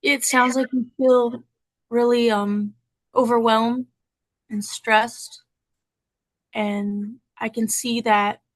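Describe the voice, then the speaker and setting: A woman as a counselor, calmly reflecting back what the client says. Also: fairly high pitch, no room sound. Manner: calm, reflective, paraphrasing the client. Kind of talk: counseling session.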